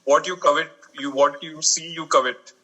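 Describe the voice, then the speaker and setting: Bright-voiced host. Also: male voice, a little high, steady tone, normal speed, poor audio. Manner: hesitant, explaining with fillers. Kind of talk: casual group conversation.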